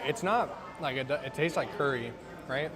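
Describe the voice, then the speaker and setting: A man's voice: mid-range voice, normal speed, fairly bright tone. A man giving a casual, informal food review in the manner of a vlogger, thinking his opinions through aloud. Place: outdoors at a theme park. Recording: outdoor vlog with clear music behind. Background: music and outdoor park sounds.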